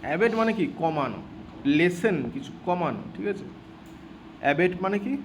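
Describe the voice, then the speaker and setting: Man, high voice, vocabulary teacher, repeats himself, faint background hiss. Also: animated, normal speed. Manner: repeats words, asks and answers his own questions. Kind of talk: vocabulary lesson explained in Bengali.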